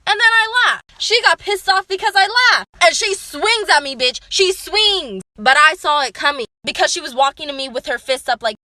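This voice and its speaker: A young woman rattles through a casual story time with lively, emphatic delivery and plenty of swearing. Her voice sits high and sounds bright and forceful. The recording is close and dry. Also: no echo.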